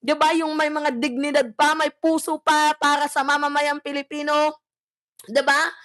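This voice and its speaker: A high-pitched woman delivers emphatic, scolding political commentary. She switches freely into English phrases as she talks. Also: flat delivery, normal speed, a bit bright. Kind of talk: heated political commentary vlog.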